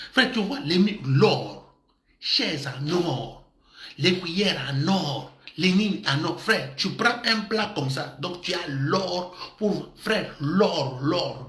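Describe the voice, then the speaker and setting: A man preaches with animated energy, laughing often and dropping African words into his sermon. His voice sits slightly high and rings bright and forceful. The sound is roomy, with echo around him. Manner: lively, mixes in Lingala and Tshiluba words, laughs often. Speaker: pastor. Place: church in Madrid.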